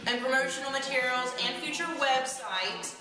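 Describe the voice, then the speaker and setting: An upbeat woman with a high voice hosts a photo shoot and talks up the event. She sounds far from the camera mic, in a big studio with a long echo. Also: normal speed. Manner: upbeat, promotional, coaching poses. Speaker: host running a photo shoot. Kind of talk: casual promotional chat. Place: large photo studio, indoors. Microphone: camera mic from a distance.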